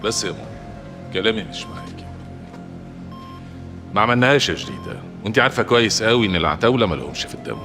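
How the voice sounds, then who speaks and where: A gruff strongman with a gravelly, low voice and lively intonation, speaking firmly in Egyptian tones. A music score is clearly heard behind. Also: rapid-fire, long pauses. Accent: Egyptian Arabic. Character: gruff strongman visiting a rival. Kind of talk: Egyptian TV drama acting.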